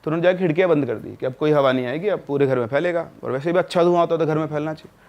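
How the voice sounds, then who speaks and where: A man telling a spooky story in a casual, conversational way, with dramatic pauses. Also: fairly high pitch, muffled recording. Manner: conversational, dramatic pauses, addresses listener as bhai sahab. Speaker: storyteller guest.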